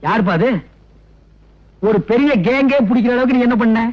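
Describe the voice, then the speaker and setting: An actor playing a timid, fussy male train passenger who talks in a comic, fast, whiny way. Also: extremely high pitch, muffled recording.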